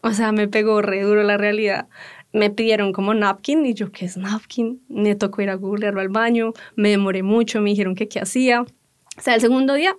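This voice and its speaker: A Colombian woman in her thirties, a podcast guest telling her story in a lively, laughing way and acting out what people said. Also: mid-range voice, brisk, clear, resonant tone. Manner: lively, laughing, acts out quoted dialogue. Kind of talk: casual storytelling interview.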